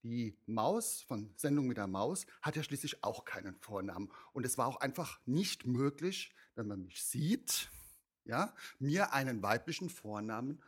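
Drag artist man from Mainz, medium-pitched voice, chatty interview answers. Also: lively intonation, a little slow, husky. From Mainz, Germany.

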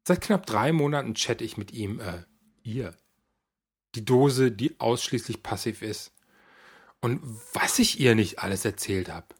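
Male narrator, husky, mid-pitched, dry and wry audiobook read. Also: animated, unhurried. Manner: wry, dryly exasperated storytelling. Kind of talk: first-person audiobook reading.

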